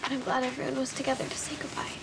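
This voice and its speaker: A consoling, soft-hearted woman in a TV soap. Her voice is high and quite even in melody, heard over loud ambient noise. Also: racing, creaky. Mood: sorrowful, consoling. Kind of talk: naturalistic TV soap drama acting.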